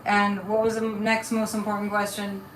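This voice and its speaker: In an echoey room, picked up by a distant mic with faint noise, a woman hosts a casual live psychic chat. Her medium-pitched voice is monotone at normal speed, and she rambles to viewers, breaking off mid-thought.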